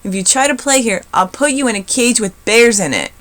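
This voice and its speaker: Woman putting on a loud, bossy boy bully, high-pitched. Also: animated. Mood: angry yelling. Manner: yelling, taunting, drawn-out emphatic words.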